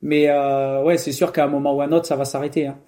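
A man's voice: on the high side, little pitch movement, quick pace, mellow. A young man from France answering interview questions in a casual, hesitant way, with many fillers and restarts. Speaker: guest, professional triathlete.

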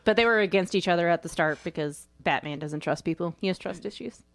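A woman co-hosting a casual chat, arguing her picks with strong opinions. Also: on the low side. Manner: opinionated, quick to argue. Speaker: co-host. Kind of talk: casual chat about fictional matchups.

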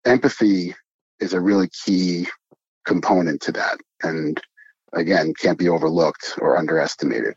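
A man with a low voice talks earnestly about his restaurant, stacking up points with emphasis. The sound is dry and a little dull. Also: normal speed, a little mellow, breathy edge, no echo. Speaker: restaurant co-owner. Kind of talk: interview answers.

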